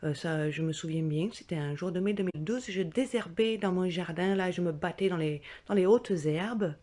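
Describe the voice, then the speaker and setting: A woman doing a sit-down comedy monologue from her bed, telling an animated story with sudden cries, whispers and a playful put-on southern French accent. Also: lowish voice, fairly quick. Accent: put-on mixed southern French. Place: in bed, indoors.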